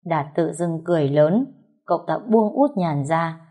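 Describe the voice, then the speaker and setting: A woman's voice: low voice, animated, unhurried, dark tone. A woman telling a dramatic first-person story.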